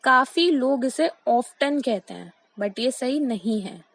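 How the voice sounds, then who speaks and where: High-voiced woman teaching pronunciation slowly. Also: expressive, fairly bright tone, no room sound, rough recording. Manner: slow, deliberate example sentences, repeats each word. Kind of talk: explanatory lesson mixing Hindi and English.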